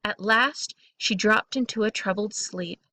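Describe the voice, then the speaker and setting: A woman with a mid-range voice reads a children's bedtime story aloud, expressive and deliberate, stretching out key words. There is no echo.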